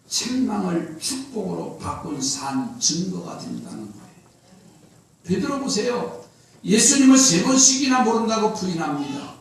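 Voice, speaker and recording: A man, a pastor, preaching a Sunday sermon with slow, emphatic swells and sudden loud cries, recorded in a church sanctuary. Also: high voice. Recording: very echoey church hall, mic at a distance.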